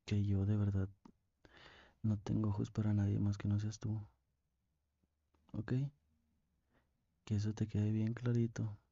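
Man acting as a young Mexican boyfriend, ASMR role-play, tender, very flat low pitch, dull close recording. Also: dry recording. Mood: tender, devoted. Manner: tender, slow, intimate, with pauses. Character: affectionate young boyfriend on a phone call, tender and lovesick. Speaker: ASMR performer.

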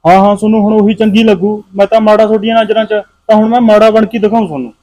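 An actor playing a surly young husband who drinks, speaking with a Punjabi accent and curt defiance. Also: male voice, high voice, flat delivery, racing, warm tone, natural voice, poor audio. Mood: defiant. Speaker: husband and son. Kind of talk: short film drama acting.

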